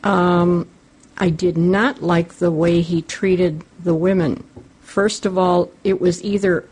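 A woman giving deliberate opinions in a casual book discussion. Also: fairly low pitch, fairly even intonation, darkish tone, slightly rough.

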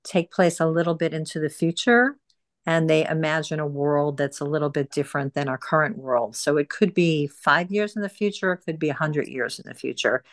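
With a low-pitched voice, a woman leads an informal book group discussion, speaking haltingly and frequently repeating her phrases.

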